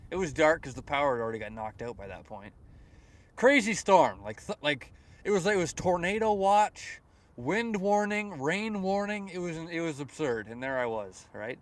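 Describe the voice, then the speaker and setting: Outdoors at a lake, a chatty young Canadian fishing livestreamer reads comments and rambles casually, repeating words and chuckling often. He speaks at a normal speed in a voice on the high side, with big swings in pitch.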